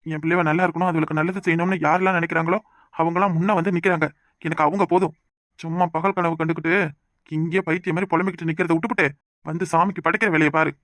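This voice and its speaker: Cartoon: woman voicing a village husband, Kanyakumari Tamil accent, fast, blunt. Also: on the low side, fairly even intonation, a bit bright, dry recording, clean studio sound, close to an everyday voice.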